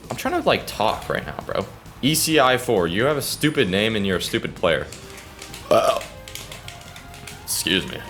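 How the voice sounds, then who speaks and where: A teenage guy tells a long, animated story while he plays a fighting game, and his pitch leaps up and down as he talks. His voice sits slightly low for a man. He keeps breaking off to mutter at opponents, with faint music behind him. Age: teens. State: keeping voice down so his sleeping father won't hear. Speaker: gaming video creator.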